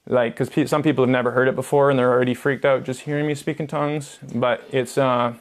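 A man's voice: mid-range voice, little pitch movement, fast. A young man preaching informally, casual and earnest, with filler words and restarts. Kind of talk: informal sermon teaching.

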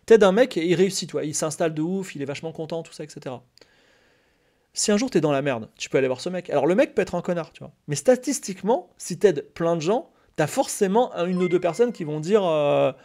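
With a slightly high voice and a fast pace, a man rambles casually to his live-stream chat. Fillers and restarts pepper his speech, and he turns animated when excited.

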